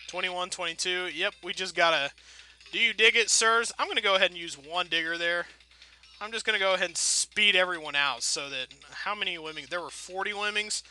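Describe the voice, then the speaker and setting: With a high, bright voice and a forceful tone, this man offers loose, meandering commentary while playing a game. He muses out loud, poking fun at himself and tossing in playful, folksy expressions.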